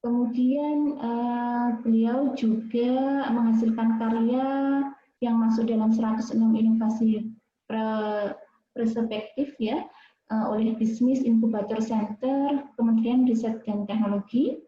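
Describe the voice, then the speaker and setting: Woman, moderator, higher voice, hesitant with fillers, echoey room, dull video-call audio. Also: fairly even intonation, measured pace, slight background noise. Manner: hesitant, many fillers and tag questions. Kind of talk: reading out a speaker's CV at an online lecture.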